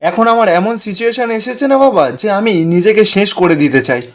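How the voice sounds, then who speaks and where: A woman's voice: mid-range voice, animated, moderate pace, voice pushed up, natural voice. A man voicing a bitter young woman, a wronged younger daughter accusing her family. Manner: accusing, defiant.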